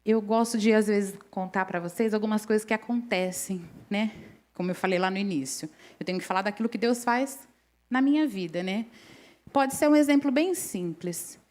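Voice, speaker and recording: A woman's voice: medium pitch, normal speed, darkish tone. A middle-aged woman preaching a sermon in a church, telling personal stories in a conversational way and often checking in with the congregation. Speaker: preacher at a women's service.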